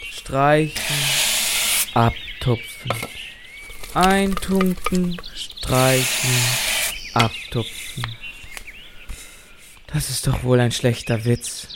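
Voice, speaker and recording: A mischievous boy in an audio drama, cheeky and theatrical. The delivery takes its time, grumbling and scheming at a medium pitch. Clear ambient noise with insects sits behind the voice. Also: drawn-out words, pauses often. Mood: whining, sulky.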